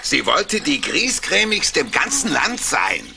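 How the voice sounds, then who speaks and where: A man voicing a grouchy furry monster who reads a fairy tale aloud theatrically in a gravelly voice. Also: on the high side, huge pitch swings, measured pace, heavy background noise, full character voice. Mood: dramatic storytelling. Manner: theatrical, emphatic. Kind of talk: storybook fairy-tale narration. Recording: music behind the voice.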